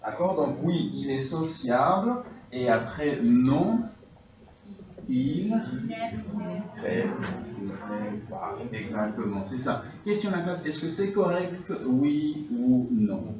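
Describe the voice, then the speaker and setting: A man's voice: medium pitch, lively intonation, takes it slowly, far from the mic. A man teaching a class, drilling students and checking in with them often. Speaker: French teacher. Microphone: distant room mic. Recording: dull, echoey, noisy classroom recording from afar.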